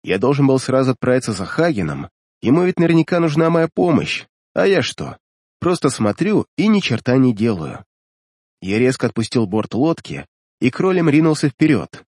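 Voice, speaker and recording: Brief: male narrator, husky voice, lively pitch, dramatic first-person fantasy reading. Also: normal speed, no echo, studio quality. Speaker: audiobook narrator.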